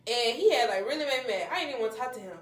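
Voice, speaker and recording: A young woman in her twenties chats casually to her viewers, animated and quick to act out what people said. Her voice sits a little high, and the room gives it a noticeable echo. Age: 20s. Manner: animated, addresses viewers as y'all, acts out quotes. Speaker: vlogger. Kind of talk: casual storytelling chat.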